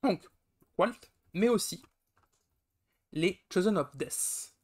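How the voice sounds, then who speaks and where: Rambling, enthusiastic man, slightly high voice. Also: lively intonation, very slow. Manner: rambling, peppered with "voilà" and self-corrections; enthusiastic but grumbling. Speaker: podcast host. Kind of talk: casual live-stream commentary.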